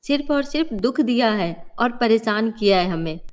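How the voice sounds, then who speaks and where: A woman's voice: on the high side, expressive, normal speed, natural voice. A woman voicing a poor, hardworking mother in a cartoon story, earnest and emphatic. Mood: angry.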